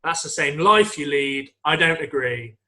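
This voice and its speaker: A man's voice: a little high, animated, a little slow, pushed and bright. A man co-hosting a comedy podcast, rambling casually about songs, swearing and laughing as he goes. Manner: rambling, swearing, laughs often, sings song lines. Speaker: podcast co-host.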